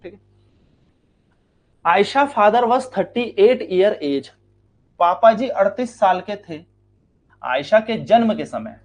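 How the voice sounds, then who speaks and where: Teaching maths to exam candidates, an Indian man with a fairly high, darkish-toned voice explains each step in turn. He quizzes the class only to answer himself, and he repeats key lines while drawing out words for emphasis.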